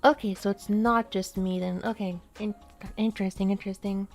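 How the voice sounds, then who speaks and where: A woman's voice: mid-range voice, fairly even intonation, a little fast, a little mellow, faint music behind. Chatty woman streamer rambling with fillers. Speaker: VTuber streamer. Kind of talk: casual chat while playing a game.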